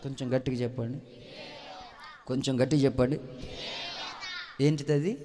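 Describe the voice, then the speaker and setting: A male pastor, preaching fervently, dropping to hushed storytelling and then rising to shouted appeals. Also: medium pitch, steady tone, moderate pace, background noise. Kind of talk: sermon. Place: church hall. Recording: long hall reverb.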